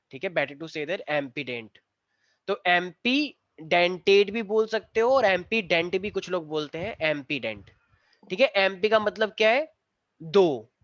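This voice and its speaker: A male chemistry teacher with a fairly high voice lectures a class with playful teasing, slipping English terms into his explanations. The sound is dry and close, with a slightly dull, lo-fi tone. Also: no echo.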